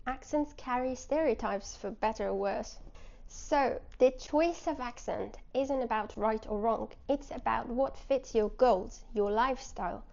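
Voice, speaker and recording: A non-native English-speaking woman with a modern British accent, explaining things clearly in short phrases to learners as a teacher. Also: on the high side, dark tone, highs cut off. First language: not English. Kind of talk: direct-to-audience lesson with personal story.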